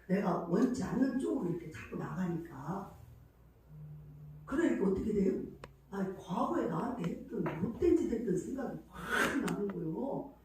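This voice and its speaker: A woman's voice: mid-range voice, a little mellow, slight background noise. A middle-aged woman pastor preaching a sermon, telling stories emotionally with many fillers. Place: church sanctuary. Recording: echoey hall from far off.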